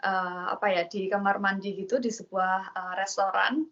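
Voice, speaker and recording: A young woman from Indonesia telling her story as an interview guest, pausing with many fillers and acting out quoted lines. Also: medium pitch, flat delivery, fairly bright tone, lo-fi sound. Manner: hesitant, many fillers, acts out quoted dialogue.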